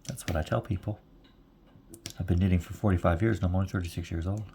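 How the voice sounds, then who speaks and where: A man's voice: deep voice, steady tone, fast, mellow, slight background noise. A man in his forties chatting casually while he knits, rambling and chuckling often. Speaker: knitting vlogger. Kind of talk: casual chat while knitting.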